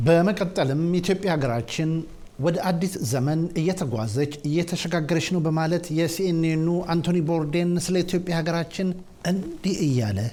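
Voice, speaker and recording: A man's voice: fairly high pitch, rapid-fire, mellow. A man presenting the news from a television studio in a formal announcing style. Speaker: news anchor.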